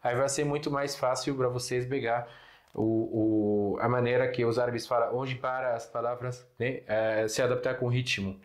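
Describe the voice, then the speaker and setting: A man's voice: mid-range voice, fairly even intonation, moderate pace. Male language teacher from Syria, mid-range voice, patient and repetitive, recorded in an echoey room. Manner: patient, repeats words and checks in with "né?". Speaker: Arabic teacher. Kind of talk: casual language lesson. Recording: roomy echo.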